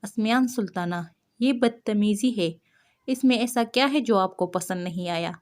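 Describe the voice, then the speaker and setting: A woman's voice: mid-range voice, lightly acted. A woman voicing a firm, composed young noblewoman.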